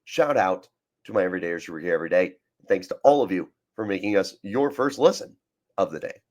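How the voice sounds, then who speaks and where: A man hosting a sports podcast, sick with a cold that leaves his voice raspy, talking in a chatty, self-deprecating, energetic way. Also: sits low, a little fast. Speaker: podcast host.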